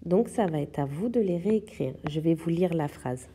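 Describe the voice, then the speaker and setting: A woman teacher giving a slow, step-by-step handwriting lesson to young children, describing each stroke as she writes. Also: fairly low pitch, lively intonation, dark tone, a little hiss or hum. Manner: slow, step-by-step instructions while writing. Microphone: tablet microphone.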